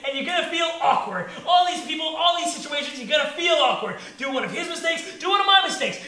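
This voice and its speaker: A young man in a comedic rant, loud, exasperated and mocking himself. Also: extremely high pitch. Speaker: comedic ranter. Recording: very echoey room.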